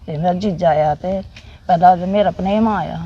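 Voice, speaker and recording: A middle-aged woman speaking with a Jammu-region Punjabi accent, widowed by a soldier, recounts memories haltingly and plainly, often repeating phrases. Her voice sits on the low side. The recording is muffled, with slight background noise.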